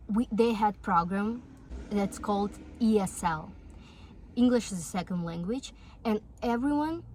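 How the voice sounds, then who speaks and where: A Russian vlogger in her twenties, Russian-accented and a native Russian speaker, talks casually to the camera in an earnest, encouraging way. Her mid-range voice has a darkish tone, and the low-quality recording carries a bit of hiss or hum.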